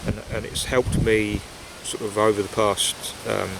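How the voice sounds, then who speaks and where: Amid rustling leaves and wind, a man smoking a pipe vlogs from the woods, talking casually and reflectively in a hesitant, meandering way. His fairly low voice holds a level tone with vocal fry, at a measured pace. The equipment is basic and catches outdoor wind noise.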